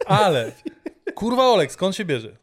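A man co-hosting a podcast, telling stories in animated casual banter and swearing freely. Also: high voice, unhurried. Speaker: podcast co-host.

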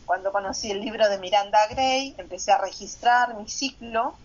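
A woman's voice: mid-range voice, muffled recording. Reflective woman telling her own story. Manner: reflective, with pauses and soft fillers. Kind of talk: personal testimony.

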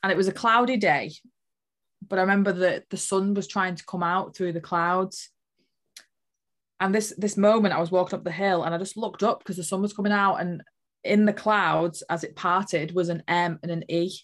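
A woman's voice: fairly low pitch, fairly even intonation, normal speed. A woman earnestly telling a personal spiritual story as an interview guest, emotional and full of fillers.

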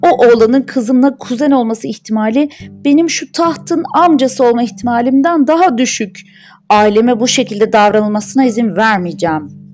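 A woman voicing a proud, hot-tempered old king in a fairy tale, talking loudly and blustering. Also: mid-range voice, animated, takes it slowly, few pauses, faint music behind. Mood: furious. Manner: loud, blustering.

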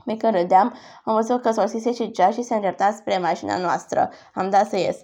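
A woman narrating a novel aloud in a calm, even storytelling manner. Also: medium pitch. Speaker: audiobook narrator.

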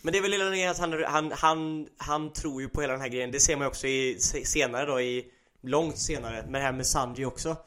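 A man's voice: medium pitch, a bit bright. A man in casual chat, enthusiastically recapping scenes and finishing his friend's sentences.

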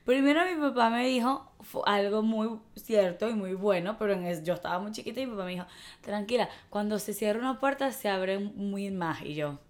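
A woman's voice: mid-range voice, fairly quick. A woman co-hosting a podcast in casual chat, telling stories and acting out quoted voices. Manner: animated storytelling, acts out quoted voices. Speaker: podcast co-host.

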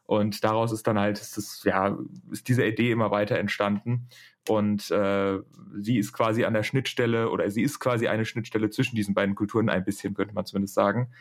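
A man's voice: fairly low pitch, little pitch movement, a little fast. A young man hosting a casual discussion, explaining in a rambling, hesitant way as he searches for words. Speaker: podcast host.

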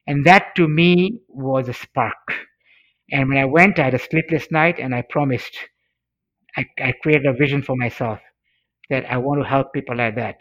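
Speaking at normal speed in a mid-range, fairly bright voice, a Swahili-speaking middle-aged Tanzanian recounts a personal story for an interview. He is earnest and emphatic, using repetition for effect, and the audio sounds dull and low-fidelity.

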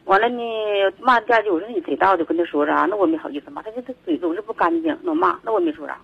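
A man rushes through his complaint in a high, swooping voice. He talks in a rambling, agitated way with a rough, husky edge. He comes through a dull, muffled phone line. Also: very animated. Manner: rambling, agitated, repeats himself. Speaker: caller. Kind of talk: phone call to radio show.

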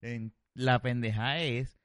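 A man, telling a story on a casual podcast, animated, swearing freely and laughing often. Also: medium pitch, slow pace, smooth, no room sound.

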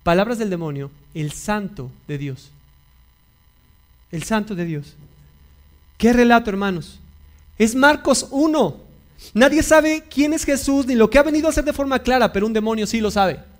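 A man's voice: very high-pitched, lively intonation, moderate pace, pauses often. A male pastor preaching a sermon, repeating key phrases and putting questions to his congregation.

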